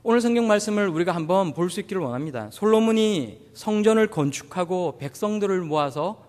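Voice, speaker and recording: A male pastor from Busan with a Gyeongsang accent delivers a sermon. He tells humorous anecdotes in a fairly high, animated voice. The sound carries a long church-hall reverb. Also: a little fast. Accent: Gyeongsang Korean.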